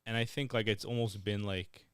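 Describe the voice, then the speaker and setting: A man with a low, smooth, resonant voice talks football in a measured, reasoning way. The sound is dry and close. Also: fairly even intonation, dry recording. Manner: measured, reasoning, hedges with "I think". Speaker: podcast co-host. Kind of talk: casual football chat.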